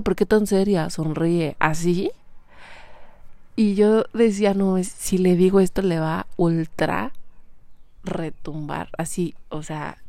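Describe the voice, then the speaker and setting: A woman's voice: fairly low pitch, no echo. A young Mexican woman telling a story in a chatty, slangy way, quoting others as she goes. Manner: chatty, slangy, animated retelling with quoted voices. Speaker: vlogger. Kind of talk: casual storytelling monologue.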